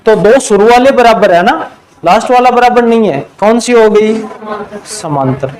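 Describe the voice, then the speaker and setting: A male math teacher giving a classroom lesson, quizzing his students and answering his own questions, and drawing out the key terms slowly. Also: sits high, animated, rough recording. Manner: slows to a drawn-out pace on key terms.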